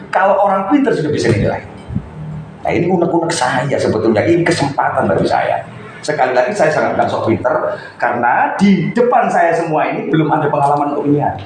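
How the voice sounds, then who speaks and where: A man coaching members at a meeting, chatty and lecturing, with lively asides. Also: a little high, fairly quick, a little hiss or hum. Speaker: coordinator of a local radio community. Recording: echoey room, faint background ambience.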